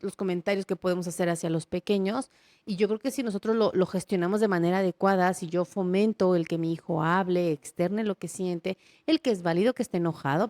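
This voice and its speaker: Woman, psychologist, mellow warm voice, dry close sound, explanatory podcast talk. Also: on the low side, no room sound. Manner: explanatory, guiding, checks in with listener. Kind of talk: conversational podcast chat.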